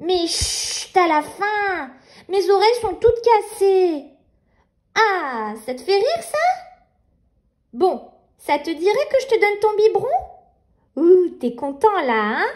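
A woman's voice: extremely high pitch, expressive, takes it slowly, long pauses, pitched above the performer's own voice, full character voice. A woman voicing a feisty, cheeky little girl and proud big sister in a children's storybook, childlike and exclamatory. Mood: cheeky, bossy. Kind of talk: children's storybook read aloud.

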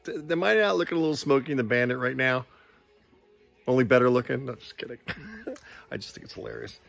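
Working on his classic car outdoors in a sunny desert yard, a middle-aged vlogger in his fifties chats self-deprecatingly and stumbles over his words for a road-trip video shot on a phone held at arm's length. He talks fast at medium pitch, with vocal fry, a fairly bright tone, and quiet background music.

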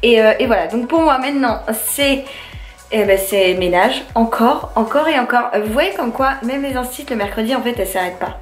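A woman's voice: fairly high pitch, moderate pace, roomy sound, faint music behind. A young woman in her twenties talking casually to camera in her home, chatty, with many fillers and restarts. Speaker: vlogger. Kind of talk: casual vlog chat to camera.

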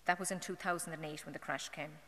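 A middle-aged Irish woman giving a personal testimony as a mother at a parish novena, earnest and halting, with fillers and restarts. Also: low voice, fairly even intonation, sharp tone. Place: church. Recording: long church hall reverb.

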